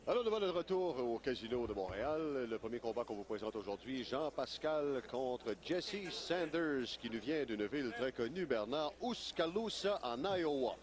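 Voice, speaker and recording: A man's voice: mid-range voice, big pitch swings, normal speed, few pauses. A man with a Quebec French accent hosting live boxing commentary in a conversational style. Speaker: boxing play-by-play host. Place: ringside at a casino boxing event. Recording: loud crowd behind commentary.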